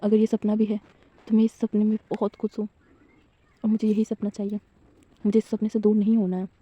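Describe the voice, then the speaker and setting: A woman voicing a shy, flustered young man who pleads softly and hesitantly in a storybook retelling. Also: medium pitch, monotone, a little fast, dry recording, lo-fi sound, lightly acted. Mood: tender dreamy.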